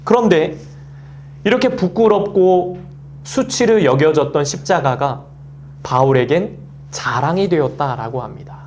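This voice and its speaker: Korean pastor preaching, slightly high voice. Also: male voice, lively intonation, measured pace, darkish tone, slight background noise. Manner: acts out quoted voices and a child's play within the sermon. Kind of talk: sermon.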